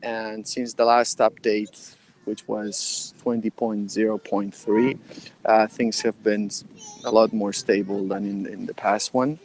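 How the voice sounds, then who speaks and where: Low-voiced man giving a call update. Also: flat delivery, darkish tone, a little hiss or hum. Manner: measured, with many ums and uhs. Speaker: mobile developer on the team. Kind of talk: casual update on a video call.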